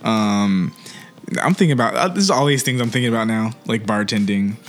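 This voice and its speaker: A woman's voice: extremely low pitch, brisk. A woman co-hosting a podcast, teasing the guests and prompting them in a casual chat. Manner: teasing, prompts others, laughs a lot.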